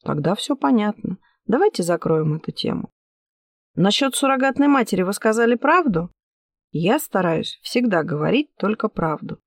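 Woman doing a cool-headed detective man, measured questions, level voice, dry audiobook sound. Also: medium pitch, sing-song, no room sound.

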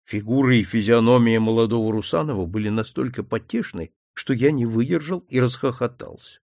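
A man reading a classic detective story aloud in an expressive, theatrical way. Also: medium pitch, fairly quick, creaky, dry recording, clean studio sound. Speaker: narrator.

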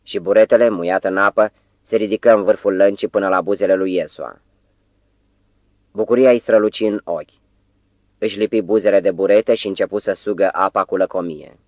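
Man, audiobook narrator, lowish voice, measured literary reading, dry close sound. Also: fairly even intonation, a little mellow, no room sound.

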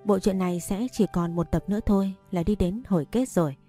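Mellow-voiced woman narrating a story. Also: medium pitch, soft background music. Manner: steady, measured first-person storytelling. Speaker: audiobook narrator.

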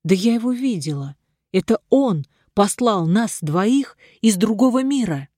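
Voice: medium pitch, expressive, unhurried, dark tone, no room sound, studio quality. A reader voicing an impatient, earnest young girl heroine in a storybook.

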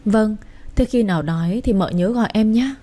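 A woman's voice: medium pitch, normal speed, mellow, natural voice. Storybook: caring young housemaid, doting, read by a woman. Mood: sympathetic. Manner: sympathetic and fussing.

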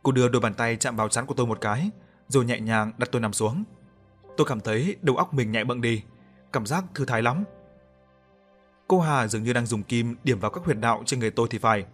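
A man's voice: mid-range voice, fast talker. Man narrating a horror story. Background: soft background music.

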